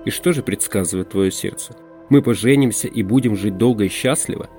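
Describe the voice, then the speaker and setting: A man's voice: lowish voice, a little fast, darkish tone, soft background music, close to an everyday voice. A man playing an irritable, sarcastic journalist in an audiobook. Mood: weary. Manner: curt, sarcastic. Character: irritable modern male journalist.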